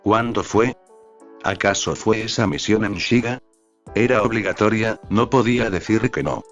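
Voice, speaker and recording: A man reads as a bubbly, enthusiastic husband with a low voice, eager and affectionate in every line. The storybook audio is a little dull, with faint music behind it. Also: moderate pace, close to an everyday voice. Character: cheerful affectionate adult man, excitable husband.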